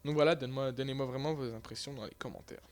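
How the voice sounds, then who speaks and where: A man's voice: mid-range voice, fairly even intonation, fast talker, a little mellow, soft background music. A young man giving casual, rambling live commentary over his own gameplay, with lots of fillers and restarts. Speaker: gaming YouTuber.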